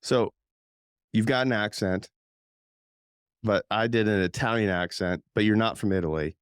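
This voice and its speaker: Deep-voiced, chatty male podcast host. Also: normal speed, smooth, no echo, clean studio sound. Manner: chatty, rambling, with many fillers and restarts. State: slightly hoarse from a cold. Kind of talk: casual podcast hosting.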